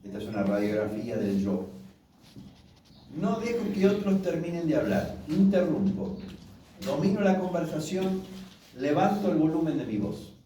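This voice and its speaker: In a church hall, an Argentine pastor in his sixties gives a warm, conversational sermon to married couples at a workshop, questioning his audience as he goes. His fairly high voice is very animated at a normal speed, with an Argentine Spanish accent. The hall echoes heavily, his voice sounds distant, and there's faint noise.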